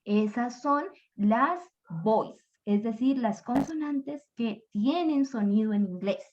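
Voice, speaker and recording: Slow, patient woman teacher, lo-fi. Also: a little high, darkish tone. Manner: slow, patient, demonstrates sounds aloud. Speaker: English teacher. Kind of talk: classroom explanation. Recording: dull lo-fi recording.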